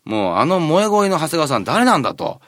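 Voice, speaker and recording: Chatty guy hosting radio, polite but jokey, pitch goes all over, dry studio-like sound. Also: sing-song, fairly quick, a bit bright, no room sound. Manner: polite, conversational, lightly joking. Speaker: radio show host and reporter. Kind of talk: chatty radio presenting and interviewing.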